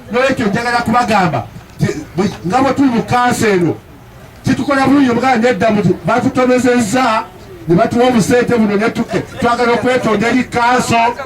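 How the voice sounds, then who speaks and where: A man from Uganda, a municipal councillor, making a public statement, speaking emphatically and often repeating himself. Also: very high-pitched. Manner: emphatic, repeats himself, now and then shouts.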